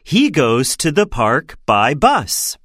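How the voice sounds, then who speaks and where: Woman narrator, slow, expressive pitch, dry studio read. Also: no room sound. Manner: clear, measured, expressive. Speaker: narrator of a listening exercise.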